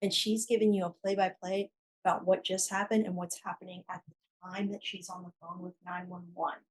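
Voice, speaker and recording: A woman's voice: fairly low pitch, level tone, brisk, poor audio. A woman prosecutor giving a courtroom closing argument, emphatic and pressing her points through repetition. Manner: emphatic, repeating key phrases for force.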